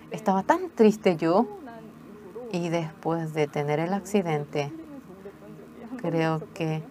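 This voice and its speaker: Slow, low-voiced woman giving testimony. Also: a little mellow. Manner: earnest, halting storytelling with restarts. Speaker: testimony speaker. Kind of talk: personal testimony narration.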